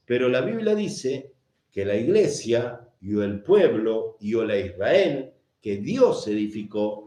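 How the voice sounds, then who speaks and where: Here a preacher with a dark, mid-range voice delivers an emphatic sermon. He repeats phrases and answers his own questions, and the camera-mic recording has an echoey room sound.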